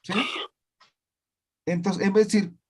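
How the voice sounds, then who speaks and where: A man teaching a language class online, slowly repeating words and often checking that students follow. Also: high-pitched, steady tone, darkish tone.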